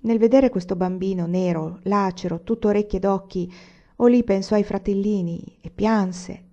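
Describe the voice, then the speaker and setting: Woman reading a novel aloud, steady n measured, kinda muffled lo-fi sound. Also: medium pitch. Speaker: audiobook reader. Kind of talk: literary audiobook narration. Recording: slightly dull lo-fi recording.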